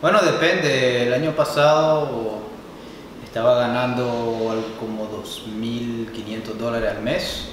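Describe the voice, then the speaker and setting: A man in his twenties, from Nicaragua and raised in Canada, answering interview questions in a hesitant, soft-spoken way, seated on a couch. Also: mid-range voice, steady tone, measured pace. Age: 20s. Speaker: guest. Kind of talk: casual interview. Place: bright room, seated on a leather couch. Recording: echoey room with reverb and background noise.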